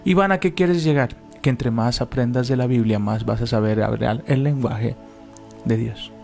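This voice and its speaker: Man, animated then prayerful. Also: medium pitch, gravelly, faint music behind. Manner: animated storytelling, slows into fervent prayer. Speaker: co-host and preacher.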